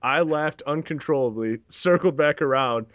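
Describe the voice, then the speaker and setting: A man's voice: on the high side, normal speed, fairly bright tone, dry recording, highs cut off. A man in his thirties co-hosting a casual podcast, joking and laughing as he tells stories. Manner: jokey, laughs often. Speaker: podcast co-host. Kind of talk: casual chat.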